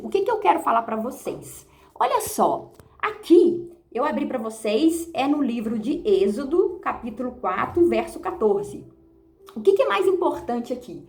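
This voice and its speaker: A Brazilian woman with a fairly high voice leads an informal Bible study, recorded on her phone. She speaks warmly, calling her listeners brothers and sisters, and slows down to read scripture aloud. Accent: Brazilian Portuguese. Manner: warm devotional tone, repeatedly addresses listeners as brothers and sisters; reads scripture slowly and deliberately. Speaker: Bible teacher. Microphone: phone camera.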